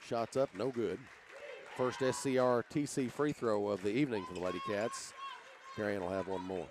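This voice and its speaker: A man from calling basketball play-by-play in short, quick phrases that rise when shots fall. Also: lowish voice, crowd noise. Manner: rapid terse play calls, rising when shots fall. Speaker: play-by-play announcer.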